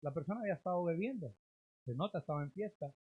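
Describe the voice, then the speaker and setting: A man preaching a sermon as a pastor in a church, rising to loud emphatic lines and then dropping to low, drawn-out endings. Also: lively intonation, slightly rough, narrow, tinny audio. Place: church sanctuary.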